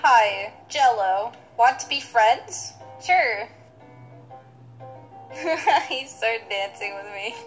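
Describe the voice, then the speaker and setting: A woman's voice: a little high, animated, drawn-out words, long pauses, poor audio. A woman giving casual let's-play commentary on a game, giggling often and reading other players' chat aloud. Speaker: gaming video host. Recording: faint game music behind.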